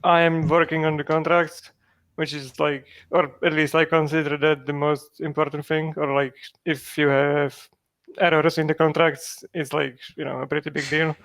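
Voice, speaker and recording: A man's voice: a little high, level tone, normal speed, creaky, fairly bright tone, no room sound. A man, a project founder from Czechia, answering interview questions in a rambling way with many fillers and restarts.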